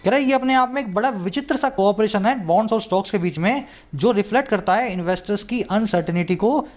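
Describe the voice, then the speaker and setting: Brief: Indian male teacher, high voice, patient word-by-word explanations, slow deliberate reading of English lines. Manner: explains terms step by step, often checking "ठीक है"; reads English quotes slowly. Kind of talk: explaining a news article word by word.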